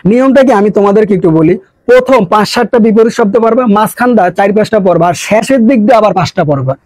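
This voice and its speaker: A man with a high voice runs an exam-prep lesson. He fires a question, answers it himself and repeats the pair several times, in a loose, coaxing, colloquial way. The sound is dry and close. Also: expressive, quick pace, a little mellow, dry recording, low-quality recording. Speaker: teacher.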